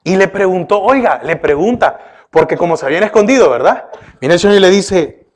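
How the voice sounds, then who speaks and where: A male pastor delivering a sermon, questioning his listeners often and turning from emphatic bursts to hushed remarks. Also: high-pitched, animated, fairly quick. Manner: preaching with repeated rhetorical questions to the congregation; often addresses listeners with "oiga" and "¿verdad?".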